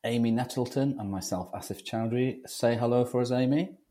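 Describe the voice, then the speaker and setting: A man's voice: medium pitch, a little fast, mellow. A man hosting a podcast, chatting informally as he introduces and interviews a guest. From North East England. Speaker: podcast host.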